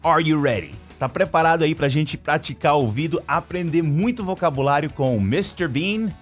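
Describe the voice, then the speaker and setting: A man from Brazil teaching English in Portuguese, repeating phrases slowly to model pronunciation. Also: a little high, lively intonation, faint music behind. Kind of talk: English lesson explained in Portuguese.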